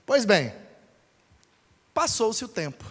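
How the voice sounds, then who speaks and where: A high-voiced male pastor from Brazil recounts a story from the pulpit, slipping into the voices of the people he describes. His voice rings out with a long church-hall reverb. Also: very animated, takes it slowly, fairly bright tone. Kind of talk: sermon storytelling.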